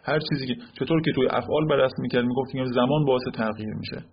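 Gravelly man teaching a lecture. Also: mid-range voice. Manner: explains step by step with many rhetorical checks. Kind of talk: classroom lecture. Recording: lo-fi recording with faint noise.

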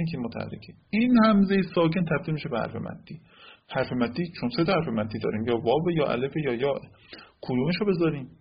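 Gravelly-voiced man teaching grammar. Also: medium pitch, highs cut off. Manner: explains step by step, asks "right?" often. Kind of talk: Arabic grammar lesson.

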